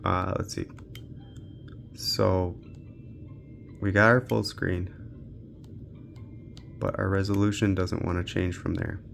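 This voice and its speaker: This handheld gaming channel host, a tech reviewer, works slowly through an unscripted walkthrough while testing games, leaving long pauses as he thinks aloud. His somewhat deep, fry-laden voice has a fairly bright tone and fairly even intonation, with noticeable background noise.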